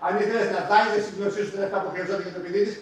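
Male amateur actor as a quarrelsome husband on stage, reproachful, high voice, recorded from far back in a reverberant hall. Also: level tone, lightly acted. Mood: scolding. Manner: reproachful, sarcastic, rising to shouts. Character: bickering husband scolding his wife. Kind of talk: live amateur stage play. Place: theatre stage. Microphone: distant room mic. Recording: echoey hall from far off, loud noise.

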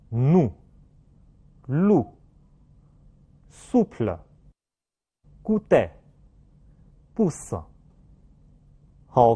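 Male pronunciation teacher, lively pitch, careful explanations with loud modeled sounds. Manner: slow, careful explanations, then loud drawn-out example sounds.

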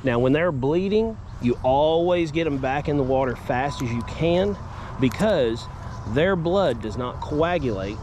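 This fishing vlogger is a young man whose drawling voice sits a little high and never hurries. His casual talk is folksy and meandering, perking up with excitement when fish bite, over a faint hiss or hum. The clip moves from a pond outdoors to his home indoors.

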